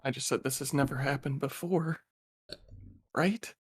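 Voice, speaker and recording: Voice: medium pitch, a little slow, husky. A player voicing a blunt wild-child brawler man. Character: young human male brawler, rough wild child.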